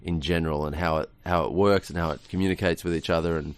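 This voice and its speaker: A man's voice: sits low, steady tone, fast, clear, resonant tone, dry recording. A middle-aged man, a radio guest, talking in a rambling, casual way with many restarts and frequent laughs, in a studio.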